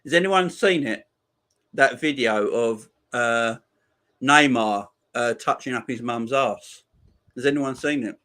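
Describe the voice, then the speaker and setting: A man's voice: medium pitch, slow pace, sharp tone. Laid-back man in his forties. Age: 40s. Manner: laid-back banter, laughs often, slangy. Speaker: livestream host. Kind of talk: casual chat reading viewer comments.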